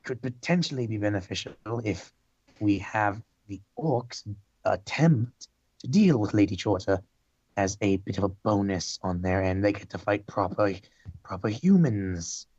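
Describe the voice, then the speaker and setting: A man's voice: fairly low pitch, moderate pace, a little mellow, breathy edge, dry recording, dull audio. A man playing an officer in a casual tabletop game, joking with playful in-character asides. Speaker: player voicing a servant officer. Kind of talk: casual tabletop role-play.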